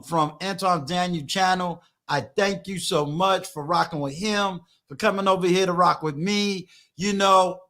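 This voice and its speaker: Preachy fifty-something man, high bright voice. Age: 50s. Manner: preachy, repetitive, emphatic. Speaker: channel host. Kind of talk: live-stream motivational talk.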